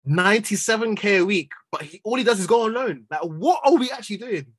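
Exasperated, a young London panellist on a football podcast, a Chelsea fan, rants through casual banter in urban street slang. He talks fast in a high-pitched, husky voice with lively intonation, with no echo on the recording.

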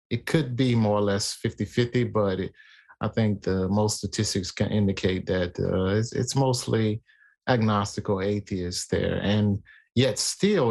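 A man in casual conversation about faith, talking in a halting way with many fillers and restarts. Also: fairly low pitch, a little mellow.

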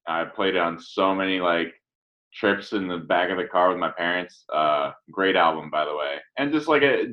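A lower-voiced man, laid back and easygoing, chatting on a podcast. His audio is a bit dull and lo-fi, missing its top end. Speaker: podcast co-host. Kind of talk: casual chat. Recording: dull, lo-fi sound.

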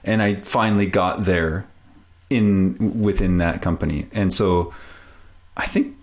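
A deep-voiced Canadian man in his forties, a native French speaker, talks slowly in a steady tone. As a podcast guest, he speaks casually and reflectively in the interview.

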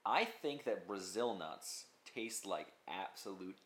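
Young male podcast co-host, low voice, loose rambling delivery, echoey room. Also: lively intonation, slow pace, a bit bright. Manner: rambling, swears freely, lists things off. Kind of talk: casual chat. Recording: roomy echo.

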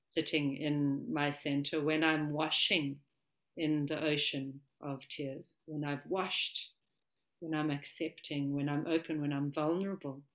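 A woman's voice: sits low, level tone, unhurried. A woman guest in a spiritual conversation, speaking in flowing, searching phrases.

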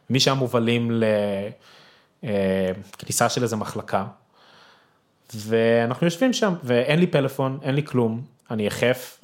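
A young man, a podcast guest, telling a personal story with emotion and acting out his own past shouts. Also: on the low side.

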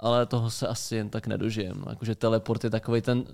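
A young man co-hosting a casual tech podcast, relaxed and chatty, trailing off into fillers and restarts. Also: on the low side, creaky. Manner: relaxed, many fillers and restarts, quick reactions. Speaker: podcast co-host.

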